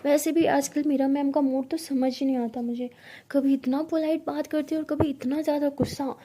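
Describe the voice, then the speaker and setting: A woman's voice: sits high, steady tone, brisk, dark tone, close to an everyday voice. Woman voicing a curt, scolding young woman. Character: stern, prickly young woman senior coworker.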